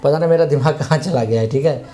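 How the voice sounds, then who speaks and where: A man's voice: on the high side, fast talker, mellow, slight background noise. A man teaching an online exam-prep lesson in a chatty, conversational way, mixing English words into his Hindi and repeating tag phrases.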